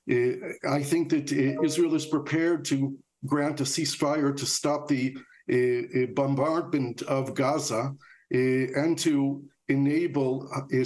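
A man's voice: a little high, a little mellow. A man in his sixties giving analysis in a news interview over a video call from his home office. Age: 60s. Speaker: interviewed Middle East negotiator.

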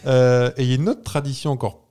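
A man with an average-pitched voice reads out trivia to a friend and asks whether it is true. He talks in a playful, teasing way and chuckles easily in this casual chat. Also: steady tone, quick pace, warm tone. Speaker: podcast co-host.

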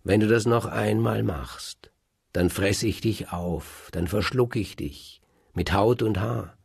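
A man voicing a calm, menacing male sorcerer who threatens to swallow a man whole. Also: moderate pace, vocal fry, breathy edge, no room sound, exaggerated voice. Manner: threatening, low. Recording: dry close recording.

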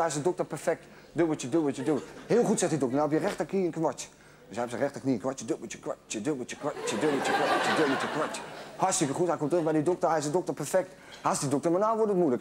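A man telling a long joke to an audience, chanting the repeated lines in a lowered voice. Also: darkish tone. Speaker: joke teller. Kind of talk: telling a joke to a laughing crowd.

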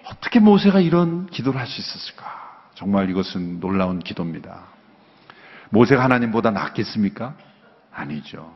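A man's voice: very animated, a little fast. Preaching man in an echoing church. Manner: earnest preaching, swings between loud emphasis and hushed low asides. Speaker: pastor. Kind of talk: sermon. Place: large church sanctuary. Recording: dull church broadcast with long hall reverb.

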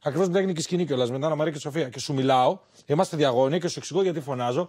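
A man's voice: a little high, a little mellow. A man on a reality show, defending himself insistently in a heated argument and cutting in often. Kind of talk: heated argument and confessional talk.

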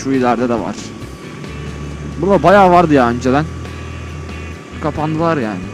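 A man's voice: medium pitch, expressive, normal speed, poor audio. A man talks from inside a motorcycle helmet as he rides, rambling colloquially and thinking aloud in a casual vlog style. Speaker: motovlogger. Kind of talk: casual vlog commentary while riding. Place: outdoors on a motorcycle on an open road. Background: music, vehicle on the road.

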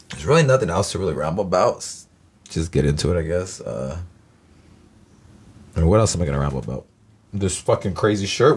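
Husky-voiced guy rambling loosely to camera. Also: lowish voice. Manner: rambling, loose, swears a lot, laughs easily. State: has hiccups. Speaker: music reaction YouTuber.

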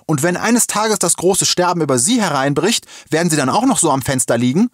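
A man's voice: fairly high pitch, lively intonation, brisk, husky, no room sound, studio quality, voice pushed up. A man voicing an indignant woman who calls out reproachfully, in a story reading. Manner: raised, reproachful. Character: indignant mother calling out at a protest.

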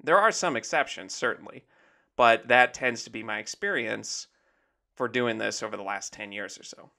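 A man with a bright, ringing voice gives a relaxed screen-share tour of his site. He explains at an easy pace, like a math teacher talking his students through something. His fillers are "basically" and "essentially". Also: mid-range voice, moderate pace, gravelly. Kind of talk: casual screen-share walkthrough.

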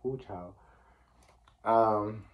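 A man's voice: lowish voice, drawn-out words. Chatty sassy man recapping a show. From US East Coast. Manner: chatty and sassy, heavy use of "like" and slang asides. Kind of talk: casual chat recap.

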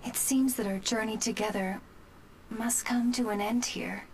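An actress voicing a gentle, formal robot companion whose battery is running out and who is shutting down, in a video game. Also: female voice, fairly high pitch, fairly even intonation, measured pace, slight background noise, close to an everyday voice, rough recording. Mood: tender farewell. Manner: formal, courteous machine speech. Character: dying female robot companion, polite, gentle.

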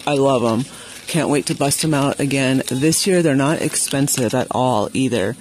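A woman filming a shop-with-me vlog in a large store on a handheld phone, chatting excitably and reading prices aloud. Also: extremely low pitch, normal speed, a little hiss or hum. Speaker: vlogger. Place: large indoor retail store. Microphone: handheld phone camera.

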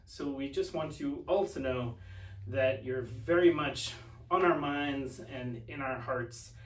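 A man in his thirties, a minister, giving an earnest, reassuring church video announcement with many fillers, recorded by a far camera in an office. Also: a little high. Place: church office with bookshelves, indoors. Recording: roomy sound from a distance.

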